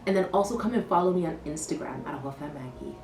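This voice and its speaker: A woman's voice: low-pitched, animated, fast, a little mellow, slight background noise. A young woman chatting casually to camera about motherhood, peppering her talk with "like". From born in the US, raised in London. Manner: chatty, lots of "like" fillers. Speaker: vlogger, new mother. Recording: roomy echo, heard from a distance, faint music behind.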